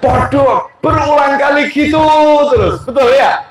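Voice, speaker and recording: A man's voice: extremely high pitch, unhurried, a faint crowd, a little hiss or hum. A male preacher giving a sermon to a gathering, teasing the audience with questions. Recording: very echoey hall.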